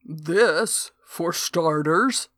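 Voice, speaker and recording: Calm male federal agent with a slow, unhurried drawl, as read by a woman, in a dry, close audiobook sound. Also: fairly low pitch, dry recording. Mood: persuasive. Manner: slow, steady drawl with "y'all". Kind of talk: audiobook character voice.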